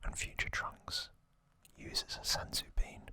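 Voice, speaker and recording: Whispered ASMR narration summarizing an anime saga, delivered by the host of an ASMR trivia channel. The voice is a breathy, unvoiced whisper close to the microphone, slow and unhurried, with gentle repetition of words for effect.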